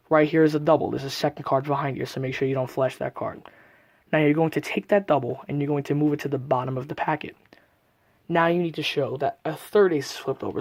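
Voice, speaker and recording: A man's voice: mid-range voice, no echo. Man teaching card tricks, dry close sound. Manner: casual, methodical instruction with repeated recaps. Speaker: magic tutorial presenter. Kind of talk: step-by-step card trick tutorial.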